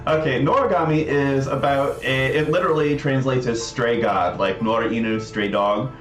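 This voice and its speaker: A man with a medium-pitched voice speaks at a moderate pace, presenting a visual novel project in a casual livestream demo. His explanations ramble and wander into frequent asides. The room has a noticeable echo, with faint music playing behind him.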